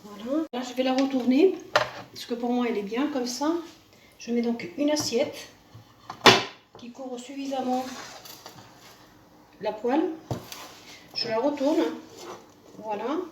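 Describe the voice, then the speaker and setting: A woman's voice: high-pitched, unhurried, pauses often. A woman with a Spanish accent hosting a casual home cooking demonstration, chatting as she cooks and often adding "hein" and "voilà". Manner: chatty, repeats "hein" and "voilà", restarts words. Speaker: home cooking video host. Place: home kitchen with a sizzling pan. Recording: roomy distant kitchen sound, faint noise.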